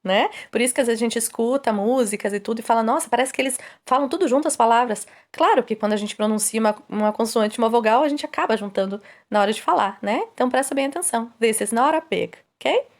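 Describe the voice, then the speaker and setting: Woman English teacher, fairly high voice, asks and answers her own questions, slow careful examples. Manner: reads English examples slowly, explains quickly. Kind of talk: explaining grammar to students.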